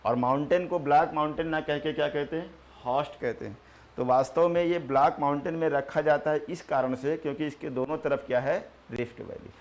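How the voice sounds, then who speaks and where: A man teaching a geography class, repeating terms slowly for notes and answering his own questions. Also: fairly high pitch. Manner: repeats key terms slowly for students to write.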